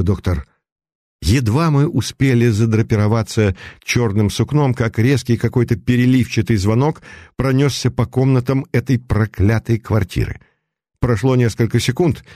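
Dark-voiced man narrating an audiobook. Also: medium pitch, dry recording, clean studio sound. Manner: measured, steady storytelling.

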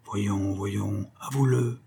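A jealous young husband in a storybook who needles and presses without letting go, as a man reading puts him on. His voice stays low and dark, with a husky edge. The taunts come in a steady, insistent rhythm. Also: moderate pace. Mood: taunting.

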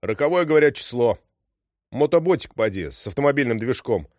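A man voicing a calm ship's radio operator who talks in a matter-of-fact way. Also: mid-range voice, fairly quick, dry recording, studio quality, close to an everyday voice.

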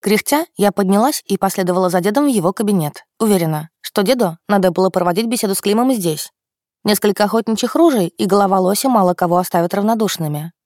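Woman reading an audiobook, smooth even telling, dry close sound. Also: mid-range voice, quick pace, no echo. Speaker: audiobook narrator. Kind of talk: first-person audiobook narration.

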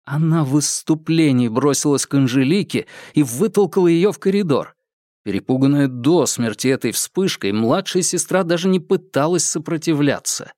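A man's voice: a little high, lively intonation, normal speed, darkish tone, dry recording, clean studio sound. A man reading a novel aloud as an audiobook narrator. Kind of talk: scripted narration.

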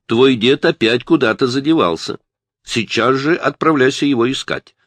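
A man's voice: fairly low pitch, sing-song, a little slow, vocal fry, no echo, exaggerated voice. A man doing a snappish, prickly mother. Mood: scolding. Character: bony middle-aged mother, snappish and defensive.

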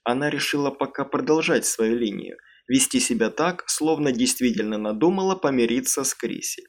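Male audiobook narrator, measured, mid-pitched. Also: lively intonation. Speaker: audiobook reader.

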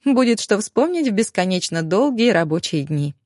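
A wry, sharp-tongued young dressmaker, voiced by a woman reading an audiobook, tossing off amused little asides. The sound is dry and close, with no room around it. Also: mid-range voice, very animated, moderate pace, dry recording, lightly acted.

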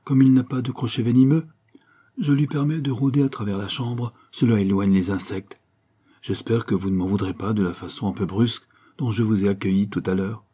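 A man reading an audiobook voices a tall, grumpy old animal-stuffer who shouts threats from a window, then chatters fussily to his guest. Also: fairly low pitch, fairly even intonation, brisk, slightly rough. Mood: fussy welcoming.

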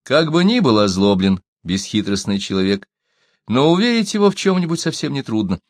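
Man narrating a novel, dramatic reading, animated pitch, dry close sound. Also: fairly quick, no room sound. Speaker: audiobook narrator.

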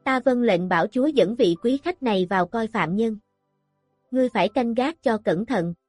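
Woman doing a ceremonious palace guard, polite, formal, higher pitch, dry sound, faint music. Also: moderate pace, a little mellow, no room sound, natural voice. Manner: courteous, ceremonious. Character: brocade-robed male guard, formal and polite.

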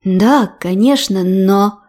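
A woman's voice: medium pitch, takes it slowly, a little mellow, natural voice. A woman voicing an earnest, worried young queen in a storybook reading. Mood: anxious.

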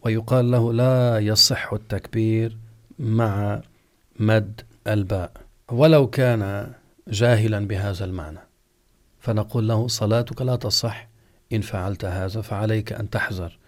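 Measured man teaching religious law. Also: lowish voice, steady tone. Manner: slow, deliberate explanation, stretching out example words. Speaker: Islamic scholar teaching jurisprudence. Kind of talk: religious lesson, question-and-answer.

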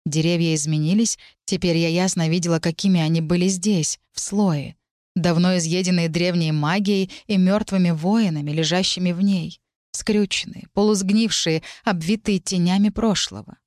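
A woman reading a first-person fantasy story aloud, dramatic and tense, with sharp shouted lines for the characters. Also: fairly low pitch, steady tone, normal speed, dry recording, studio quality. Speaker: audiobook narrator.

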